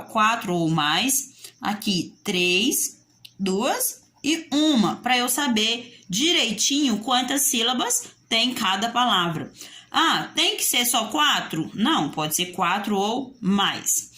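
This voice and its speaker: A woman's voice: mid-range voice, expressive, slow, sharp tone. A woman teacher with a Brazilian Portuguese accent giving a video lesson for young children, in a sing-song teaching voice that asks and answers pupils' questions.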